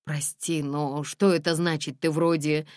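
A woman reading a gruff but caring man, a driver who lectures the girl. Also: deep voice, level tone, a little slow, darkish tone, no room sound, studio quality.

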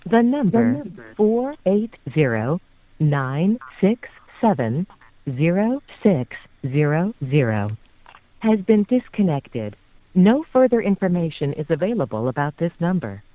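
A woman's voice in a recorded phone message announcing that a number is disconnected, reading the digits slowly and deliberately. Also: on the low side, very animated. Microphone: heard through a phone call. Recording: tinny phone line with faint hiss.

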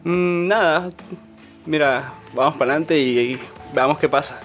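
Un hombre venezolano de treinta y pocos años, invitado a una entrevista, hablando de forma relajada y reflexiva con algunas dudas. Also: male voice, on the high side, moderate pace, faint music behind. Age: 30s. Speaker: interview guest. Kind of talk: casual interview.

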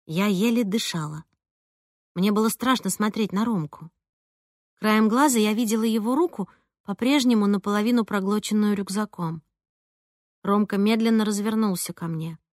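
A woman narrating a first-person audiobook in an expressive, lively way. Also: mid-range voice, moderate pace, dry recording, clean studio sound. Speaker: audiobook reader.

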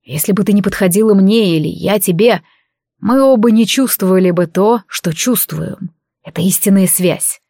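Woman voicing a dragon king, man, low velvety tone, slow and hushed, intimate, storybook, dry sound. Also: no echo, close to an everyday voice. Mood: tender. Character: calm, passionate male dragon king.

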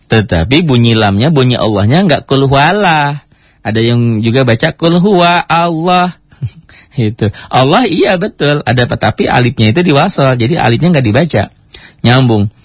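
A man teaching Quran recitation in a relaxed lesson, often pausing to spell out letters and chant words slowly as examples. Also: mid-range voice, husky, no room sound, lo-fi sound.

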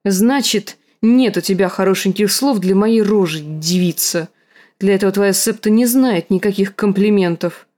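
A woman reading an audiobook, voicing a scarred, bitter, hulking male warrior with a rasping, gruff, slow and menacing delivery. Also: medium pitch, a little mellow, lightly acted. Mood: mocking.

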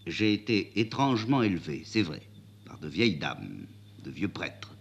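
A man's voice: low-pitched, huge pitch swings, moderate pace, vocal fry, husky, lo-fi sound, exaggerated voice. A man voicing a young aristocratic prince, haughty and formal, with stiff, ironic speech.

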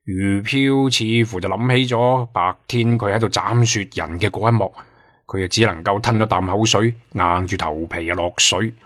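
A man reading a first-person novel as an audiobook narrator, in a steady storytelling manner. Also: lowish voice, moderate pace, no echo, clean studio sound.

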